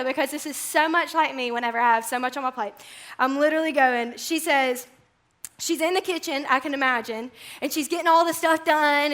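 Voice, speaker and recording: Young woman preacher, high-pitched, conversational and emphatic. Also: fairly bright tone. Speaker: campus ministry speaker. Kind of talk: sermon.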